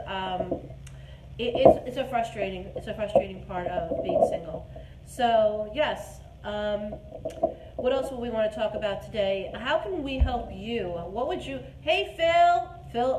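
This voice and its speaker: A woman in her forties with a fairly high, slightly mellow voice hosts a dating advice show. She chats casually and emphatically, like a live conversation. The echoey room carries clear background noise.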